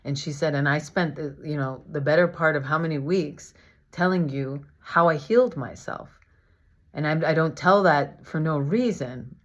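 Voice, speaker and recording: A woman vlogger telling her own story casually, animated and confessional, acting out what others said. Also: deep voice, moderate pace. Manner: animated, confessional, acts out quoted speech. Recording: slightly dull lo-fi sound.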